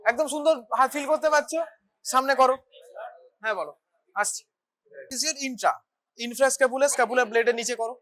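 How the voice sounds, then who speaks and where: A clinical teacher giving a hands-on bedside demonstration, briskly instructing students step by step as they practise an examination. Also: high voice, fairly bright tone. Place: hospital teaching ward.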